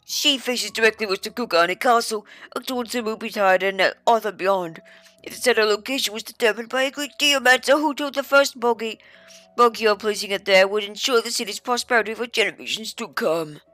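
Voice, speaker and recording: A woman's voice: fairly high pitch, fairly quick, pushed and bright, no room sound, faint music behind, pitched above the performer's own voice. A woman voicing a wise old man with a grand, storytelling delivery. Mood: grandiose.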